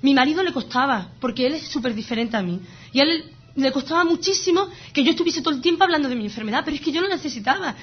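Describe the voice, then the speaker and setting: Woman in her 30s talking fast and animated, highish voice, kinda dull lo-fi sound. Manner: animated, emphatic storytelling. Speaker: guest sharing her illness story. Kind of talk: casual conversation.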